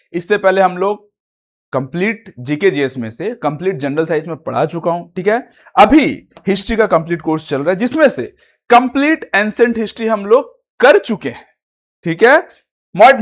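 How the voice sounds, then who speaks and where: A young man teaching history for exam prep, his voice pitched high and swinging up and down all the time. He talks in a chatty way, keeps asking his own questions and answering them, and checks in with "theek hai" again and again. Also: lively intonation, brisk. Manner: chatty, repeats "ठीक है" often, asks and answers own questions.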